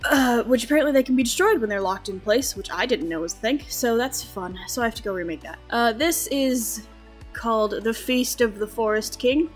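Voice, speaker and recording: A woman's voice: fairly high pitch, a little fast, soft background music. A woman giving casual, rambling gameplay commentary, chatty and full of fillers. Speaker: Minecraft let's-player.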